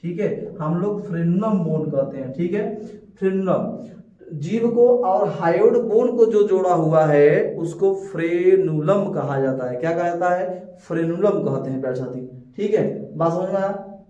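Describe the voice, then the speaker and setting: A man's voice: high-pitched, unhurried, warm tone. A man teaching a lesson, repeating key words and asking his students rhetorical questions. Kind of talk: classroom lecture with call-and-response questions. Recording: echoey, distant, dull lo-fi sound.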